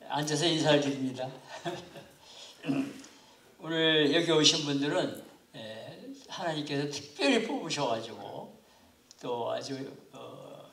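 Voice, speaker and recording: Man, 70s, pastor lecturing, gravelly, halting and polite, distant mic, echoey room. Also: medium pitch, pushed and bright. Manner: unhurried, halting, polite formal speech. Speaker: pastor teaching a missions class. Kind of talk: lecture to lay ministry students.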